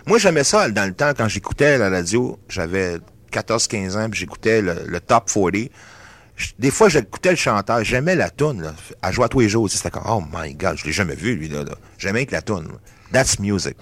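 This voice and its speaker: A man's voice: on the low side, sing-song, a little fast, a bit bright, no echo. A Canadian singer with a Québécois accent, talking in a loose, rambling way and slipping English phrases into his French during an interview. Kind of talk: casual interview talk.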